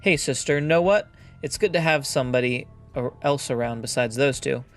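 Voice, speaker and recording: A man's voice: medium pitch, moderate pace, soft background music, natural voice. A man voicing a talkative, mustached male wagon mechanic in a video game, speaking in a hesitant, confiding way. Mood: eager.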